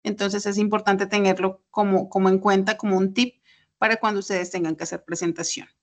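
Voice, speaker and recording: This woman talks fairly quickly in a mid-range voice that barely rises or falls. She patiently walks her online English pronunciation class through each step with examples, recorded on a computer mic during a video call.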